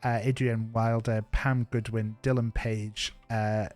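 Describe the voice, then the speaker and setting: A man's voice: lowish voice, level tone, unhurried, darkish tone, faint music behind. Welsh man joking on a stream. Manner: joking, rambling with fillers. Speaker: streamer host. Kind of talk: casual chat on a live stream. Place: home streaming setup.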